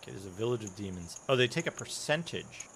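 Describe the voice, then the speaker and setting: A man doing casual live commentary as a game streamer, chatty and jokey, thinking out loud. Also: lowish voice, lively intonation, fast talker, a little hiss or hum. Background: loud game music.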